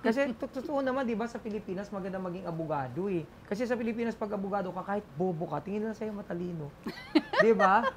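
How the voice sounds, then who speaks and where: Filipino-accented male comedian guest, chatty and animated, light background noise. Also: high voice, fast talker. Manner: animated joke-telling, mixes English into Filipino, laughs often. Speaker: lawyer and stand-up comedian guest. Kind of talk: casual interview storytelling.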